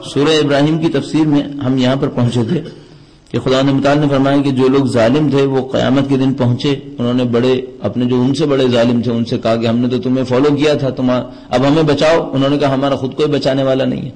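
A man preaching a religious sermon. He poses questions to his listeners and tells stories, rising to high emphatic lines and then dropping low and soft. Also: little pitch movement, poor audio. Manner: storytelling with questions to the audience.

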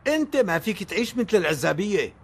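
A blunt, teasing middle-aged brother with a Syrian accent in a dubbed TV drama. His husky, gravelly voice sits fairly high and swings widely as he needles his sibling. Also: sing-song, fast, heavily acted. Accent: Syrian Arabic.

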